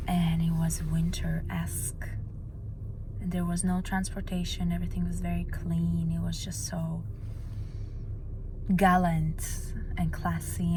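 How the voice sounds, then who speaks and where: A woman's voice: mid-range voice, rough recording. Woman from latvia chatting to camera, rambly, lots of restarts, faint hiss behind. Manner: rambling, animated storytelling with many restarts. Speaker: vlogger. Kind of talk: casual chat.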